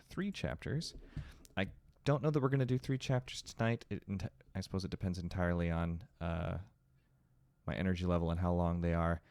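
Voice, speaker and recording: A man hosting a storytelling show, reading a horror story aloud with a slight lisp from rubber bands in his braces, after a slow, dramatic opening and some rambling, casual chat. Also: deep voice, a little mellow, dry recording. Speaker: storytelling host.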